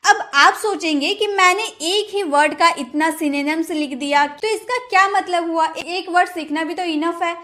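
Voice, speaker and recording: Woman teacher, Indian accent, high voice, careful repetitive vocabulary lesson. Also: bright, forceful tone. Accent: Indian English. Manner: slow, repeats each word, spells out example sentences. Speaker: English teacher.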